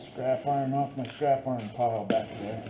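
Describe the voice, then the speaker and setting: At a moderate pace and with fairly even intonation, a middle-aged man with a mid-range voice runs a casual how-to fishing vlog. Working in a cluttered garage workshop, he jokes, rambles and adds chatty asides. He's filmed by a tripod camera set at a distance in an echoey garage with a faint hum.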